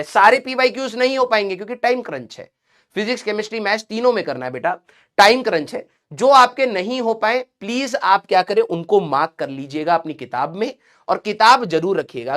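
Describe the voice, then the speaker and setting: A man's voice: sits high, fairly bright tone. A male coaching teacher gives a motivational lecture to his students. He speaks directly and in a fatherly way, drilling the same points home again and again. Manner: fatherly and direct, calls students 'beta', repeats key points.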